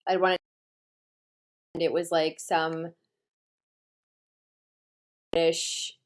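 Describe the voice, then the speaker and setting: A woman hosting a livestream chats casually and rambles, leaning heavily on "like". Her voice is on the low side and her pace is moderate.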